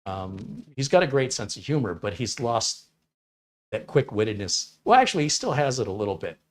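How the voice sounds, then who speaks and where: Very animated at a normal speed, a middle-aged man with a medium-pitched voice runs a live stream and reads chat aloud. He chats casually, meanders through anecdotes, and acts out the lines he quotes using different voices.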